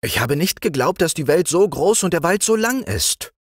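A man voicing a timid, eager young frog king in a storybook reading, in a raised, excited voice. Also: fairly high pitch, moderate pace, no room sound, studio quality, voice pushed up. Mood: fretful.

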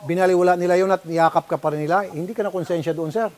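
Filipino male broadcast host, slightly high voice, stern interrogator who scolds. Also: steady tone, a little mellow. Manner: stern, scolding, rapid-fire questioning. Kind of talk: confrontational public-service broadcast.

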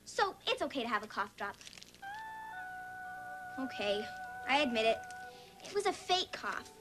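A woman's voice: fairly high pitch, sing-song, measured pace, music in the background. A woman voicing a curious young girl who talks to herself and to her cat. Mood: wheedling.

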